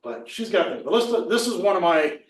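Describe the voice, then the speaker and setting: A man's voice: high voice, big pitch swings, brisk. A man leading a workshop on presentation skills, talking casually and loosely with many fillers and restarts. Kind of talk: casual live workshop talk. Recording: echoey room from far off.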